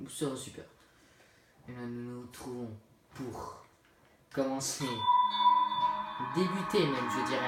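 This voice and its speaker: A man's voice: medium pitch, fairly bright tone. A man giving casual, rambling commentary on his own game, often correcting himself as he talks, recorded on a phone filming the screen in a room. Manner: rambling, self-correcting, chatty. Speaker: let's play gamer. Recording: roomy distant phone recording, faint hiss.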